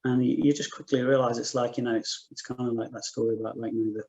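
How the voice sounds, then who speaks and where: A middle-aged man giving a gentle personal testimony at a spiritual meeting, circling back and repeating himself as he speaks. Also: medium pitch, little pitch movement, fast talker, gravelly, dull audio. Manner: soft-spoken, many restarts and repeated "just". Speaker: guest speaker.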